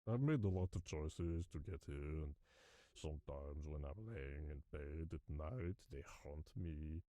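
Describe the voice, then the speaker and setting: A man's voice: a bass voice, lively intonation, measured pace, warm tone, no echo. A man playing a wistful, introspective male cat henchman in a cartoon game, with a ponderous delivery.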